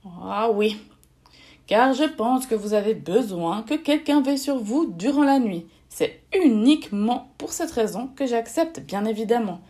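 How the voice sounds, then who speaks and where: A grumbling lone owl lady, prickly on the surface and caring underneath, voiced by a woman reading a storybook aloud. She speaks in a fairly high voice, sounding put out. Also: lively intonation, measured pace, mellow. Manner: grumbling, falsely reluctant. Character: grumpy solitary female owl, secretly caring.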